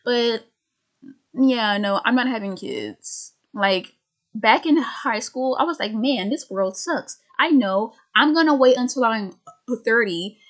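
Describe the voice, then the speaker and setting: A woman's voice: a little high, lively intonation, slow, fairly bright tone. A woman of twenty-five ranting casually to camera, rambling and sardonic, with many restarts and stammers. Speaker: vlogger.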